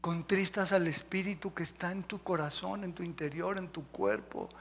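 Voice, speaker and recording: A man's voice: high voice, moderate pace, a bit bright, big-room sound. A male pastor preaching emphatically, running through lists and questioning the congregation. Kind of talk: sermon. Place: church sanctuary.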